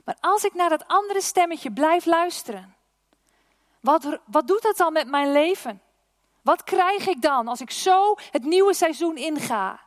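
A woman giving a sermon, slow and emphatic on key words, who sometimes slips into a hushed, anxious inner voice. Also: very high-pitched, expressive, dry recording, studio quality. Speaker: preacher; church prayer and worship team member.

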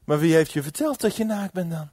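A man voicing God, who calls out loudly and searchingly in a sermon's acted story. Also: fairly high pitch, lively intonation, brisk, breathy edge, no room sound, studio quality. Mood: calling. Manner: loud, searching call. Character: calling divine male voice of God.

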